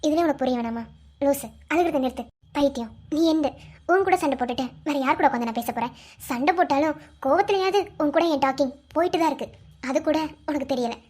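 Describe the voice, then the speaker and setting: A high, rapid cartoon girlfriend played by a woman with a Madurai Tamil accent. She mocks and scolds with quick, sharp jabs. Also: close to an everyday voice. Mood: scolding. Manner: teasing, scolding, mocking. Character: sharp-tongued young woman scolding her boyfriend.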